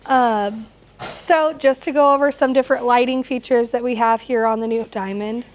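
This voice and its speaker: A middle-aged woman with a slightly hoarse voice, teaching an informal hands-on quilting class. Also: fairly high pitch, fairly even intonation, normal speed. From United States, located in Missouri. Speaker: quilting instructor. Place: shop workroom with warehouse shelving, small seated class. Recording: clear background noise in shop room.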